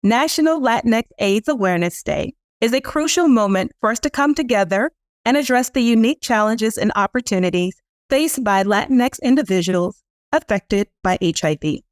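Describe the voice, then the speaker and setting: A woman's voice: a little high, expressive, normal speed, dry recording, studio quality. Formal woman hosting an interview. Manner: formal and polished. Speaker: program director, interview host. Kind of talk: scripted introduction and interview questions.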